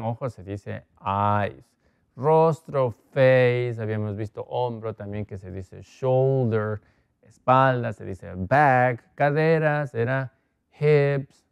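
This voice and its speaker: Slow, patient male language teacher. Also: medium pitch, vocal fry, dry recording, muffled recording. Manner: slow, patient, repeats each word. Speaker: English teacher. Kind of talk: televised language lesson for Spanish speakers.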